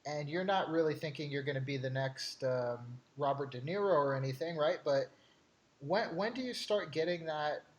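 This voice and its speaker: A man's voice: a little high, normal speed. A man hosting a podcast interview, asking questions in a casual, conversational style.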